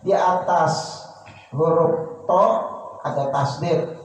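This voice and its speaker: Religious teacher, male, higher voice, unhurried drilling delivery, distant roomy recording with faint room noise. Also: steady tone, a little mellow. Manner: patient, repeats and drills each pronunciation. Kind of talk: religious study lesson. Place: prayer room.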